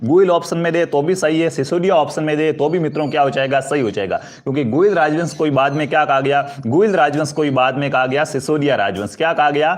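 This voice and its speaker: A man's voice: on the high side, fast talker, few pauses. Male teacher quizzing himself aloud. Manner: repeats questions and answers them himself; addresses students as friends, asks for comments and likes. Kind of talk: exam-prep history lesson.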